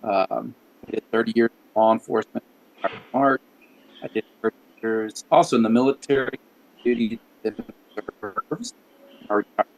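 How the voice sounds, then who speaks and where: Older Texan man, gravelly, sharing his story on a video call while his audio glitches and drops out. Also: lowish voice, normal speed, long pauses, poor audio. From Texas. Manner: hesitant, with many fillers. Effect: glitching audio that keeps cutting out. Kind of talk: casual personal account.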